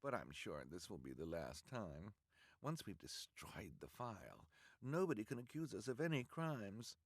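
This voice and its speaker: A man's voice: lowish voice, sing-song, moderate pace, slightly rough, no room sound, studio quality, heavily acted. A man voicing a scheming, bloodthirsty villainous woman in a raised, gloating voice.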